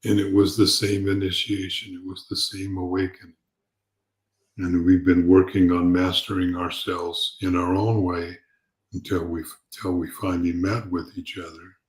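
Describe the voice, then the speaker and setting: Male spiritual teacher, low register, calm gentle delivery, reflective and halting, off the cuff. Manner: halting, repeats words as he goes. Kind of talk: unscripted spiritual talk.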